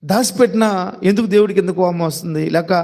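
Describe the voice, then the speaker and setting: A man with a high voice preaching a sermon. He fires off rhetorical questions and repeats them, slowing down to stress key words. He speaks to his listeners directly and fondly. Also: a little mellow.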